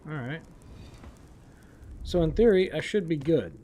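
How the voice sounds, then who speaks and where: A man's voice: on the high side, lively intonation, measured pace, mellow, a little hiss or hum. A man casually narrating his own gameplay as a streamer, talking to himself with wry, sarcastic asides.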